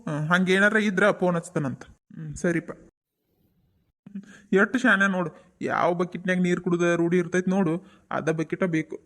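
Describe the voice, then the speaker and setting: A man's voice: high voice, fairly even intonation, a little fast, long pauses, a bit bright. A man voicing easygoing village farmers in a cartoon, with a North Karnataka accent. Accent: North Karnataka Kannada. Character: village farmer father and son chatting.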